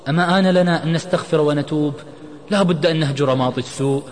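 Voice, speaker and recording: A man's voice: fairly high pitch, fast, big-room sound, a little hiss or hum, pitched above the performer's own voice, close to an everyday voice. A man narrator voicing a tearful young man earnestly pleading to repent.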